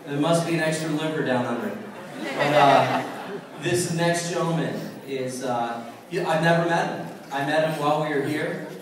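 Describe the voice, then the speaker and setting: Joking emcee in an echoey hall. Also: male voice, a little high, moderate pace, recorded from a distance, a crowd in the background. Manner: teasing, loose, laughs at his own jokes. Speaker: event emcee. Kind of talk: joking stage introduction. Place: large conference hall with audience.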